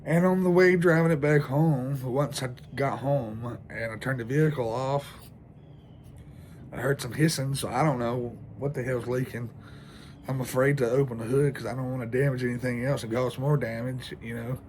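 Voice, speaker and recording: A man's voice: mid-range voice, steady tone, normal speed, a little mellow, slight background noise. A man venting in a rambling, stressed vlog monologue, sleepless and shivering outdoors in the cold, swearing a lot. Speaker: vlogger.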